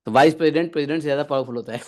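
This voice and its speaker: A man's voice: fairly high pitch, racing. A man giving a devotional discourse as a spiritual teacher, bantering and often asking his listeners rhetorical questions.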